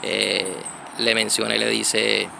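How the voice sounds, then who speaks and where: A man gives a loose church reflection outdoors, stopping and restarting often, with many fillers. His voice sits low and has a gravelly edge. Insects and passing traffic are heard clearly behind him. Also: flat delivery, takes it slowly. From United States (Connecticut). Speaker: church brother giving a reflection. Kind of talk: casual spoken reflection.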